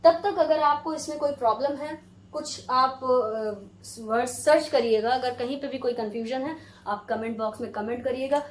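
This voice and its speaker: A young woman with a high voice gives a patient, step-by-step lesson as an English teacher. She explains each rule slowly and repeats examples. Her voice rings in an echoey room. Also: fairly even intonation.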